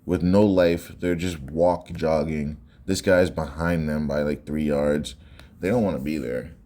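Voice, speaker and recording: A man's voice: rumbling low, fairly even intonation, measured pace, warm tone. A man giving casual, conversational reaction commentary on sports footage, often repeating phrases for emphasis.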